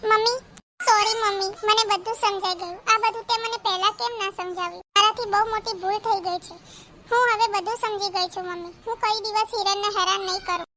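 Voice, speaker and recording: Brief: cartoon young daughter, stubborn, woman in an extremely high voice, heavy background noise. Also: fairly even intonation, quick pace. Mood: remorseful, apologetic. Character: sulky young married daughter, stubborn then remorseful. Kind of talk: cartoon voice acting. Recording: loud noise behind the voice.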